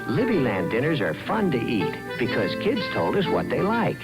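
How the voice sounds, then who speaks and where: A man's voice: medium pitch, wildly swooping pitch, normal speed, low-quality recording. A man reading upbeat scripted narration as a TV commercial announcer. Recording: old TV ad, loud music bed.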